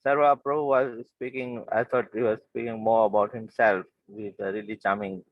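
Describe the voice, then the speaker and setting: A man's voice: medium pitch, lively intonation, moderate pace, dry recording, phone-quality sound. A man from Fiji telling his life story as a guest speaker, hesitant, with many fillers and restarts. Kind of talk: personal storytelling.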